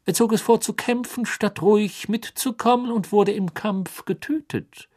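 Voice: medium pitch, normal speed, pitched above the performer's own voice, lightly acted. Crouch, a reader doing a cold stern official. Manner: cold, sharp, clipped. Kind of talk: audiobook character voice.

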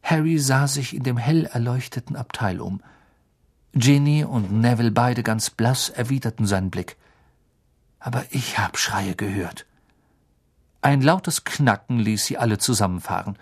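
A man narrating an audiobook in a measured storytelling manner, with a husky voice. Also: mid-range voice. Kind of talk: scripted narration.

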